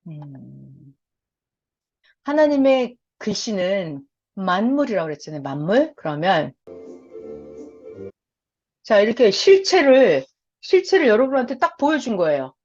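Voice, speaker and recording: A woman preaching and teaching an audience in an animated, explanatory way, laughing now and then as she gives examples. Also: fairly high pitch. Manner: animated, gestures while explaining, frequent laughs. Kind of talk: sermon-style teaching. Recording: dull lo-fi sound.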